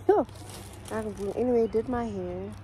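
A woman's voice: mid-range voice, slow, distant mic. A woman from South Africa chatting casually to her vlog viewers. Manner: chatty, animated when annoyed. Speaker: vlogger. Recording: roomy sound from off-mic, faint background noise.

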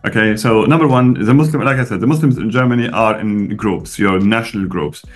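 A man in his thirties, a guest on a video call interview from a room at home, speaking bluntly and explaining at length with lively emphasis. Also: fairly low pitch, brisk, soft background music. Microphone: webcam on video call.

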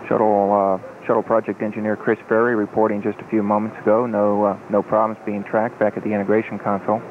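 A man giving calm, matter-of-fact official countdown commentary, with hesitant pauses. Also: fairly low pitch, phone-quality sound. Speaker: launch countdown public affairs commentator. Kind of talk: measured official live commentary. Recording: thin 1980s broadcast feed with faint noise.

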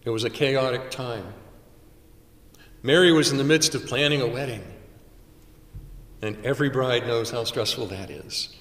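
A man in his sixties preaching a sermon from a pulpit in a small chapel, with measured delivery and dramatic pauses. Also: mid-range voice, fairly bright tone. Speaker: chaplain. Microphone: stand mic at pulpit, far camera. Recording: roomy chapel echo from far off.

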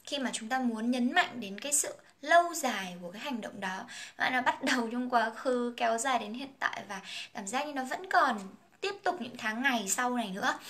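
A woman's voice: a little high, pushed and bright. A young woman whose first language is Vietnamese, teaching an English song, explaining phrases and pronunciation and singing lines in a casual, chatty way.

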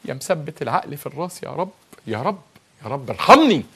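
A man's voice: a little high, big pitch swings, quick pace, creaky, bright, forceful tone. A man with an Egyptian accent acting an exasperated husband in a comedy sketch, ranting and teasing. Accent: Egyptian Arabic.

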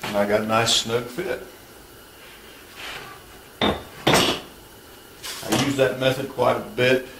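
Slow and creaky, with frequent pauses, a thirtysomething man explains his woodworking project one step at a time from his home garage. His mid-range voice keeps a fairly even intonation, and the instruction is practical and matter-of-fact, picked up by a distant mic in the roomy space amid tool noise.

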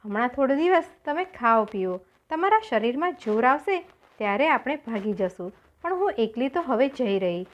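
A woman's voice: a little high, big pitch swings, moderate pace, dull audio. A woman voicing a devoted young queen in a children's folk tale, speaking earnestly and from the heart. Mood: determined.

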